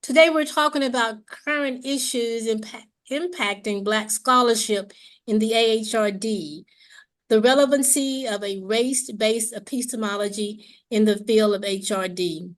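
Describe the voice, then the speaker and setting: A woman professor moderating an academic webinar, opening it with a formal, measured presentation and repeating key points for emphasis. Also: on the high side. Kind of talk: prepared webinar introduction.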